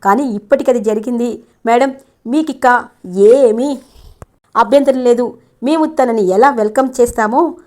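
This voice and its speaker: A woman's voice: fairly high pitch, a little slow, pauses often, a little mellow, close to an everyday voice. A woman voicing an eager, respectful young office assistant.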